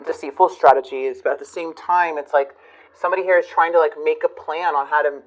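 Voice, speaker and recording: A woman reading tarot cards for her channel, talking reflectively with many fillers and pauses. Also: sits low, steady tone, highs cut off. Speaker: tarot reader.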